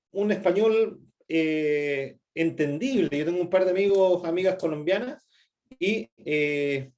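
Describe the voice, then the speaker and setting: A middle-aged man with a Chilean accent, teaching a presentation skills workshop, often checking in with "¿sí?" and filling pauses with "eh". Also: a little high, a little mellow. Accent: Chilean Spanish. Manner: frequent "¿sí?" checks and "eh" fillers. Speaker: workshop instructor.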